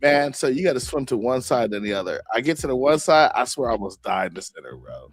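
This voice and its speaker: A man's voice: medium pitch, fast, faint music behind. A man hosting a podcast, chatting casually and telling stories full of slang and laughter. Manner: slangy, animated storytelling with frequent laughs. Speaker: podcast host. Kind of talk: casual chat.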